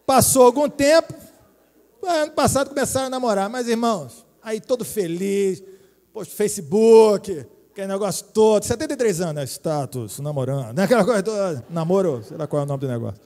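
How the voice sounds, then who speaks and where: A Brazilian man in his forties, a pastor preaching a lively, joking sermon and speaking straight to his congregation. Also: high-pitched, a little fast, big-room sound. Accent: Brazilian Portuguese. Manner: lively, jokey preaching with direct appeals to the congregation. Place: church hall.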